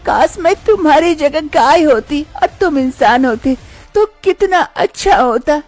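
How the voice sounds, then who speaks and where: A woman's voice: high-pitched, animated, measured pace, darkish tone, pitched above the performer's own voice. A woman voicing a sad, unloved young daughter-in-law in a storybook tale, speaking in a plaintive, self-pitying lament. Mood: wistful, sorrowful. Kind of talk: storybook character voice.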